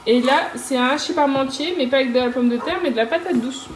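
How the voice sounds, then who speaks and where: A woman's voice: high voice, fast talker. A young woman chatting casually in a family vlog at home, hesitant and laughing as she lists the dishes she cooked. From France. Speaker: vlogger mother. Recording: echoey room, faint noise.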